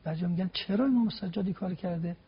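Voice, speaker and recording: A man with a high, gravelly voice and a very husky edge delivers a preaching talk on a TV program. He is emphatic and builds his case step by step, asking rhetorical questions. The sound is dull and lo-fi, like an old broadcast. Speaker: religious guest speaker.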